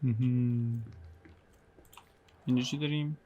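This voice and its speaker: A man's voice: medium pitch, steady tone, fast, dark tone, dull audio, slight background noise. A man with an Iranian Persian accent doing casual game walkthrough commentary, muttering as he thinks aloud. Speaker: game streamer.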